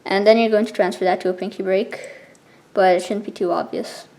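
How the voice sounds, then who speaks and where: A woman explaining something step by step in a casual, informal tutorial style, with halting pauses between steps. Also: mid-range voice, steady tone, darkish tone. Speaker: card trick tutorial presenter.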